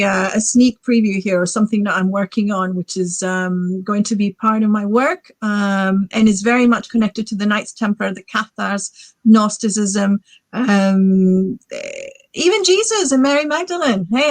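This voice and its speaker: A woman in her forties chats enthusiastically, piling on fillers as she rambles. Her voice sits mid pitch and sounds dry and close. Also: big pitch swings, normal speed, no room sound. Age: 40s. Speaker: guest author. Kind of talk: casual podcast chat.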